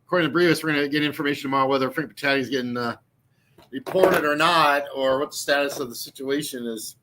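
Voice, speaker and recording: A man in his sixties hosts a rambling, casual vlog on his YouTube channel, his voice a little high and fast, with background noise behind him. He meanders through plenty of fillers and restarts, mocking things and laughing at his own jokes.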